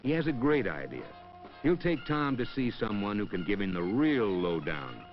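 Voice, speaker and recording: A man with a lowish, sing-song voice reads scripted narration for a 1960s educational film at a moderate pace, telling it wryly and echoing hip slang. The soundtrack is dull and old, from the 1960s, with background music.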